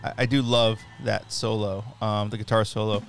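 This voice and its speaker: Guy with a gravelly voice joking around on a podcast, song playing loud behind. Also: lowish voice, flat delivery, moderate pace. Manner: easygoing, banter-filled. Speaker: podcast co-host. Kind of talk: casual chat. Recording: music playing under the voice. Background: recorded music.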